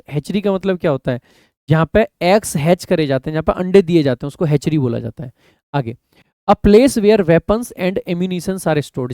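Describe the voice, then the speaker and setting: A man teaching exam vocabulary online, explaining in Hindi and reading English definitions slowly, letting his voice sink at phrase ends. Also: dark tone, no room sound. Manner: drops pitch and volume at the ends of phrases; addresses viewers as "mere bhai".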